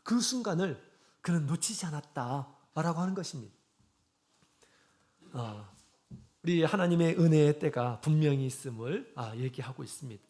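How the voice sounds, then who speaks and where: A man delivering a church sermon in an earnest tone, his voice sitting a little higher than most men's. He pauses often with drawn-out fillers between phrases. He also leads the congregation through scripture read slowly in unison. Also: lively intonation, darkish tone. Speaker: shepherd preaching a sermon.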